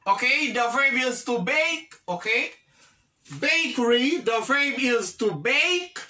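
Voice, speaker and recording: Haitian woman teaching English, unhurried drilling pace, bright and a touch high. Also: lively intonation. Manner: repeats words slowly with frequent "ok?" checks. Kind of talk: online language lesson, mixing English, French and Creole.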